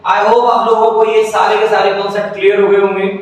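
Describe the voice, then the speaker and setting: In a coaching classroom, a man lectures on English grammar, repeating his questions back to students to confirm they understand. His voice is high, level, and brisk, captured in an echoey room with a distant mic.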